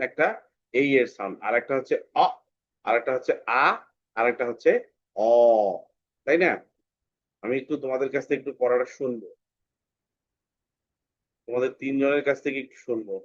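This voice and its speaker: A man teaching English pronunciation to children, patiently repeating words slowly for the class. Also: medium pitch, highs cut off.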